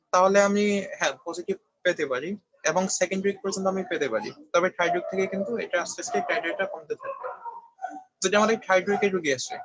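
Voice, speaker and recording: Fast, high-voiced young man lecturing. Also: fairly bright tone. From Bangladesh. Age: young adult. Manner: explanatory, frequent check-ins asking if students follow. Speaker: medical student tutor. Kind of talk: online review lecture. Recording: dull, slightly lo-fi dry recording.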